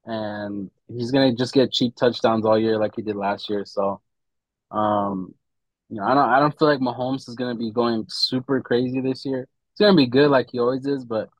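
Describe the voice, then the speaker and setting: A man's voice: medium pitch, fairly even intonation, normal speed, no echo, low-quality recording. Dude giving his sports takes on a podcast, slangy bro talk, medium voice, no room sound. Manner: slangy, opinionated, says "bro" often. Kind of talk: casual sports chat.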